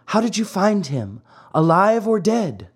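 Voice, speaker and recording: A reader voicing a kind ancient fairy, high and gentle. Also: big pitch swings, a little slow, breathy edge, full character voice. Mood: gentle, commanding. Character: kind thousand-year-old fairy, gentle and commanding.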